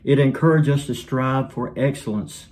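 A man preaching a sermon in an earnest way, his voice sinking soft and low at the ends of lines. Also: normal speed.

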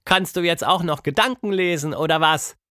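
A man's voice: a little high, normal speed, bright, forceful tone, no echo, studio quality, pitched above the performer's own voice. A man voicing a curious, adventurous young girl with an eager, raised voice.

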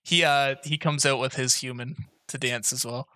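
A woman's voice: rumbling low, fairly even intonation, moderate pace, pushed and bright, no echo, studio quality. A woman narrating a tabletop game as game master, chatty and laughing often.

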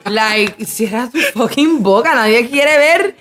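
A woman's voice: a little high, animated, slow pace, fairly bright tone, soft background music. Blunt teasing woman. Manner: teasing, blunt, mixes English into Spanish. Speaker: podcast co-host. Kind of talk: casual chat.

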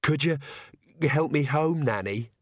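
A man doing a frightened young woman witch who speaks nervously and hesitantly. The voice is pitched well above a plain male voice and is recorded dry and close, with no room sound. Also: lively intonation, measured pace, no echo.

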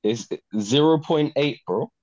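A man's voice: on the high side, animated, a little slow, darkish tone, no room sound, lo-fi sound. A man with a London roadman accent bantering casually about football in slang, putting questions to the others. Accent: London, urban slang (roadman). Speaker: football podcast co-host.

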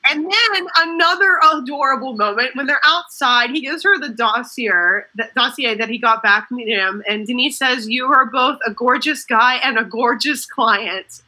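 Bright-voiced woman gushing over a show. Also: fairly high pitch, rough recording. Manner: gushing, fast retelling with quoted lines. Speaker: show recap co-host. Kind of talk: casual chat recapping a TV series.

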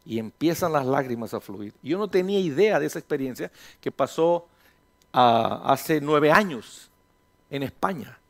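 A male pastor preaching a sermon in a lively storytelling manner, slipping English phrases into his talk and acting out little dialogues. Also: a little high. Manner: mixes English phrases into Spanish, acts out dialogues; slows down to stress words, then speeds up.

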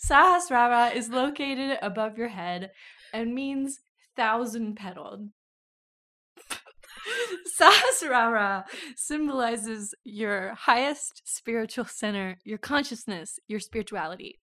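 A woman's voice: fairly high pitch, slow, sharp tone, no echo, studio quality. A woman co-hosting a casual podcast, reading out notes with joking asides and bursts of giggles. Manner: giggly, self-mocking, reads lists with asides. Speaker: podcast co-host.

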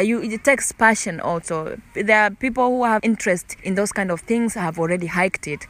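Young woman host from Tanzania, easygoing podcast chat, mid-pitched voice. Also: a bit bright. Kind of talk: casual interview chat.

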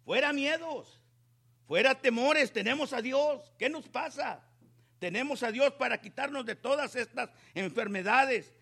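A man preaching a sermon in slow, emphatic phrases that rise into exclamations. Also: very high voice, gravelly, bright, forceful tone, breathy edge.

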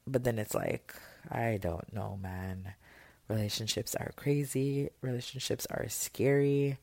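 A woman's voice: extremely low pitch, measured pace, darkish tone, dry recording. A young woman, rambling through a casual podcast vent with loose, candid chatter and lots of fillers, recorded on phone earphones at home. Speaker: podcast host. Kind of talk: casual venting monologue. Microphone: earphone mic into a phone voice memo.

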